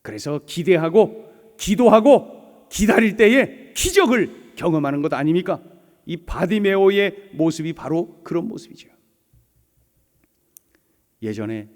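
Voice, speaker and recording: A pastor preaching a sermon, emphatic and repetitive, leading the congregation to read and repeat after him. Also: male voice, mid-range voice, a little mellow, big-room sound. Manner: emphatic, repetitive, leads congregation in call-and-response. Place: church sanctuary.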